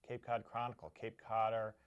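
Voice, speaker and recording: A man speaking as a guest, promoting a local event conversationally with a halting delivery. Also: on the low side, completely flat delivery, clean tone, highs cut off. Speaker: guest from a local conservation group.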